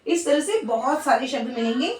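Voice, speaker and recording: A woman's voice: sits high, animated, echoey room, distant mic. A woman teaching a phonics lesson. She sounds out letters one by one and keeps checking in with "ठीक है?". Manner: sounds out letters slowly, asks "ठीक है?" after each point. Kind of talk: classroom-style phonics lesson.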